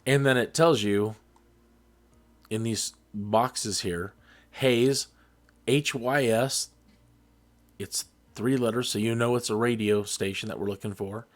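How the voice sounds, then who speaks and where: Male tutorial host, slightly low pitch, slow delivery, conversational and jokey, loose rambling explanations. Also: fairly even intonation. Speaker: flight simulator tutorial host. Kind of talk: casual rambling tutorial talk.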